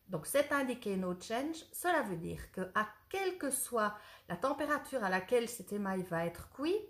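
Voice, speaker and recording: A woman who owns a ceramics shop, chatting eagerly through a casual product demonstration and sometimes losing her thread. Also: medium pitch. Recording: roomy echo.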